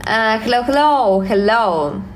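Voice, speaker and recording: A young woman from Russia with a Russian accent, livestreaming from her phone at home, reading viewer questions and answering in slow, halting English full of fillers and repeated thanks. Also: on the high side, lively intonation, a little hiss or hum. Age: young adult. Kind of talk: live stream chat reading viewer comments. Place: home, indoors, small room. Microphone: phone at arm's length.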